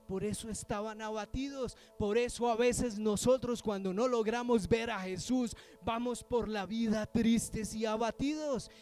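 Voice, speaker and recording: A man preaching a sermon as pastor, talking with the congregation through questions and swinging from loud emphasis to hushed near-whispers. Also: sits high. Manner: conversational, addresses the congregation with questions.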